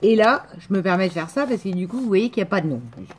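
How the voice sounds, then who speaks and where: A woman's voice: medium pitch, expressive, fast talker, background noise. A woman in a casual chat, opening mail on camera, gushing and exclaiming as she goes, with lots of fillers.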